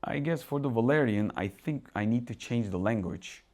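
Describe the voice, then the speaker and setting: A Turkish man with a Turkish accent reviews tech in a dark home cinema room, casually talking through settings as he adjusts them. He thinks aloud with restarts and asides in this live product demo, his mid-range voice lively in intonation and moderate in pace.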